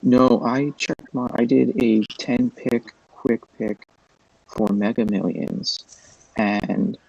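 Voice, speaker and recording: A man's voice: lowish voice, gravelly, darkish tone, no room sound, highs cut off. A man chatting casually on a livestream, explaining things step by step. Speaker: livestream guest. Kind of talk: casual chat.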